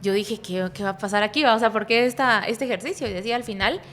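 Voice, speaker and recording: A fast-talking woman with a mid-range voice, a pastor with a Guatemalan accent, speaks casually on a podcast with a little hiss or hum audible. Using a studio podcast mic kept at a distance, she rambles, interrupts herself, ends phrases with small tag questions, and calls her own style soft yet energetic.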